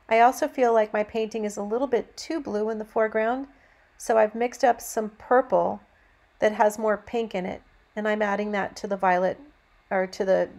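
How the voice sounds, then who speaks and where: Gentle woman teaching painting. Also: mid-range voice. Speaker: painting instructor. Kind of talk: instructional demonstration narration.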